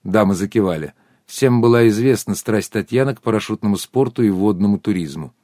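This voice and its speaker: A man narrating an audiobook in an even, measured reading. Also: fairly low pitch, no echo, studio quality. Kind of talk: scripted narration.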